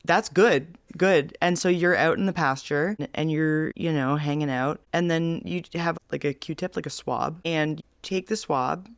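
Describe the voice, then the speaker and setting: Woman, podcast co-host, rambling animated explainer, smooth voice, dry close mic. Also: low-pitched, measured pace, hardly any pauses, no echo. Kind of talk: casual chat.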